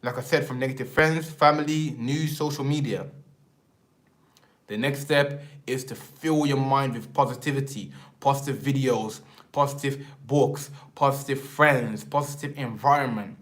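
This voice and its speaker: A man's voice: medium pitch, fairly even intonation, moderate pace. A young Englishman with an English accent hosting a casual live stream, rambling in slang and tagging his sentences with filler words. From England. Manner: rambling, slangy, repeats filler tags like "man" and "and that".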